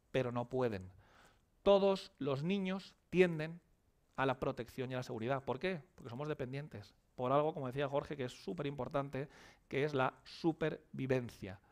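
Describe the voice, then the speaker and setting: A man giving a conference lecture as a psychologist, emphatic, asking and answering his own questions. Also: mid-range voice. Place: conference hall.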